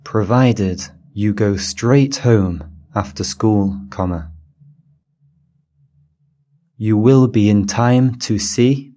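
A man's voice: fairly low pitch, very slow, long pauses, warm tone. A man reading a dictation aloud, repeating each phrase and saying the punctuation. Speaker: dictation reader. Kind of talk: slow dictation read aloud.

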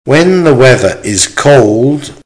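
A man reading an English-lesson dictation aloud in short, deliberate, carefully measured phrases, repeating them and speaking the punctuation. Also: mid-range voice, lively intonation, rough recording. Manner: deliberate, measured enunciation with pauses. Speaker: language teacher reading dictation.

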